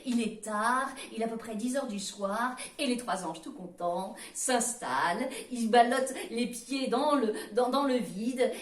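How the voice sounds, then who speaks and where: A playful woman storyteller from France, lively, with sung refrains and sound effects in a high voice. The sound is roomy and a little distant from the mic. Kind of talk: storytelling for children.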